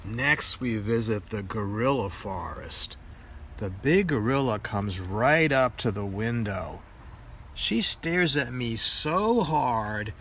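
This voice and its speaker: An older man with a grandpa voice reads a children's picture book aloud in a deliberate storytelling manner. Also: on the low side, fairly bright tone, a little hiss or hum.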